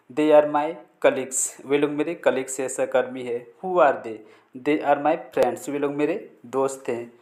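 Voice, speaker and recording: A man's voice: medium pitch, a little mellow. A man teaching spoken English in Hindi, saying short English sentences aloud and translating each one.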